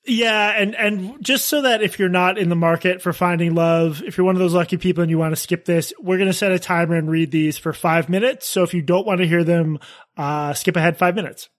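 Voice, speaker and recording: A man co-hosting a podcast, speaking into a phone held next to his microphone, wry and quick to laugh. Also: sits high, steady tone. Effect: speaking into a phone held beside the microphone. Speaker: podcast co-host. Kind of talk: casual banter. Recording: thin phone audio.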